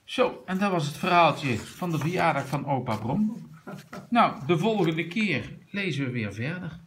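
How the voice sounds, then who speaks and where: A man reads a rhyming children's book aloud to a young listener, pausing to point out things in the pictures. His voice is gravelly and unhurried, with a wide, lively melody. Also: on the high side, slight background noise. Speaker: reader of a children's story.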